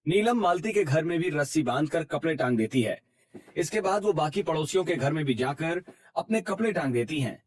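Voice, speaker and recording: Man, storybook narrator, husky voice, fairly high, soft music behind. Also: lively intonation, fairly quick.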